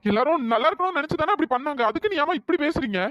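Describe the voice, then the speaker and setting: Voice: high-pitched, animated, very fast, very noisy. A performer voicing an earnest young cartoon man. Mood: protesting. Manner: urgent, protesting. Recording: dull lo-fi dry sound.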